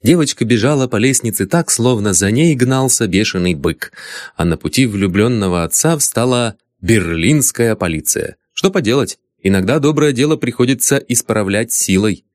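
A man reading an audiobook in a dramatic, expressive manner. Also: medium pitch, moderate pace, no echo. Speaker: audiobook narrator. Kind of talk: scripted audiobook narration. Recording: dry close studio sound.

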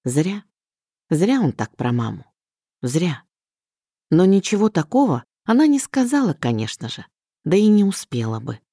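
Low-voiced woman reading a novel. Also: unhurried, long pauses, no echo, studio quality. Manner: expressive storytelling, mixing plain telling with inner voice. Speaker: audiobook reader. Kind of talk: scripted literary narration.

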